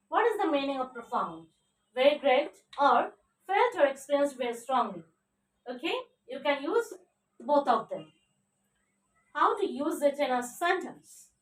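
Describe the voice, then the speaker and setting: A woman's voice: sits high, fairly bright tone. A woman teaching an English vocabulary lesson, spelling out words letter by letter and often checking in with "okay?". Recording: echoey room, voice a bit far from the mic.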